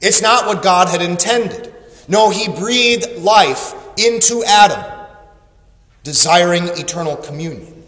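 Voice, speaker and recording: Slow-preaching pastor in an echoey hall. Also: male voice, high-pitched, a bit bright. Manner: slow, deliberate preaching with dramatic pauses. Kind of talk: sermon. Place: church sanctuary. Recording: echoey church hall, long reverb.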